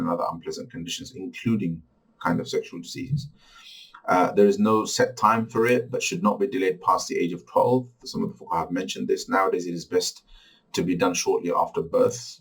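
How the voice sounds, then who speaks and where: A middle-aged man from Bangladesh teaching a recorded religious course lecture, halting with many restarts. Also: sits low, creaky, husky, far from the mic, rough recording.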